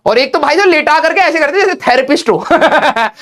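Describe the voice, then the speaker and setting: A man's voice: extremely high pitch, animated, a little fast, fairly bright tone. A young adult male teacher chatting to his students in a casual, joking way, telling a story and slipping in English phrases. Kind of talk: casual storytelling in an online class.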